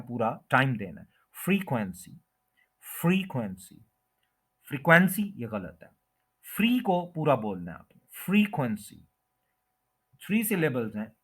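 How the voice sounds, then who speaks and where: A man teaching English word pronunciation, who repeats each word slowly and draws out the stressed syllable. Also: medium pitch, breathy edge. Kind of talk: pronunciation lesson explained in Hindi-Urdu.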